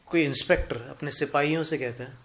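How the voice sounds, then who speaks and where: A man giving a Jain religious discourse, teaching in a measured way and explaining points through anecdotes and examples. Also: fairly high pitch, fairly bright tone. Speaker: Jain preacher.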